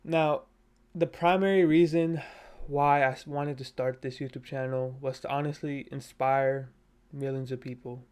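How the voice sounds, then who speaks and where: A young man from Nepal, in his twenties, speaks on a self-improvement vlog from his bedroom at his parents' house through a cheap USB desk mic. His mid-range voice stays steady at a moderate pace, smooth and darkish in tone. Earnest and self-motivational, he talks casually and drops in lots of fillers.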